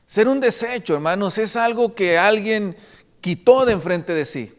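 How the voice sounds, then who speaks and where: High-voiced preacher in an echoing church. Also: male voice, expressive, a little slow. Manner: earnest preaching, repeatedly addressing the congregation as brothers. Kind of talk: sermon. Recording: long reverb of a church hall.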